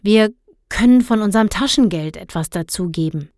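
A woman's voice: medium pitch, animated, measured pace, slightly rough, dry recording, studio quality. Woman doing a pleading young boy. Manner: begging, pleading.

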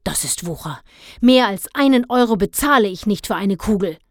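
A woman's voice: mid-range voice, lively intonation, measured pace, no room sound, clean studio sound, close to an everyday voice. A woman voicing a grumpy, stingy middle-aged father who scolds and grumbles indignantly in a storybook reading. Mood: indignant grumbling.

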